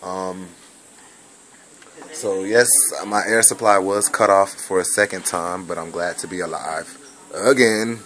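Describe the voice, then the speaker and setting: A man's voice: sits low, fairly even intonation, a bit bright. A young man with a mixed Bahamian, Jamaican and American accent, recovering from bronchitis and rambling through a casual video message. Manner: rambling, repetitive, drawn-out. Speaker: vlogger recording a personal message. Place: hospital room.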